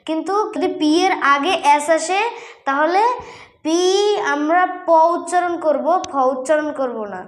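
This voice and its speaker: A woman's voice: sits high, measured pace. A woman teaching English pronunciation, explaining in Bangla and repeating each example word twice. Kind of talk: classroom-style lesson, repeating words slowly.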